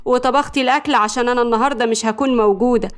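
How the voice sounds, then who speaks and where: A sarcastic, scolding mother with an Egyptian accent, played by a woman narrator. She mocks her daughter in a raised, brisk voice. A sharp-tongued storybook mum. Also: on the high side, fairly even intonation, clear, resonant tone, natural voice. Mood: mocking. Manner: mocking, scolding.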